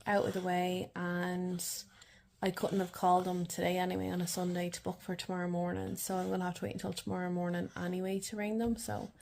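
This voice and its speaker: A woman's voice: fairly low pitch, little pitch movement, fairly quick, vocal fry, a little mellow, slight background noise. A young adult woman with an Irish accent, chatting casually and in a rambling way, as in a video diary. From Ireland. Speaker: vlogger.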